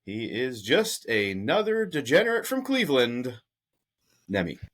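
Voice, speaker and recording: A man's voice: medium pitch, wildly swooping pitch, unhurried, a bit bright. A man hosting a podcast, leading a casual sports betting chat with playful, jokey banter and frequent laughs. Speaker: podcast host.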